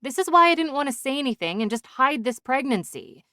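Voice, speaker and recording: A man voicing a young pregnant woman in an audiobook, soft and shaky at times, then firm and scolding. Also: extremely high pitch, very animated, a little fast, smooth, no echo, studio quality, voice pushed up, exaggerated voice. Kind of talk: audiobook character voice.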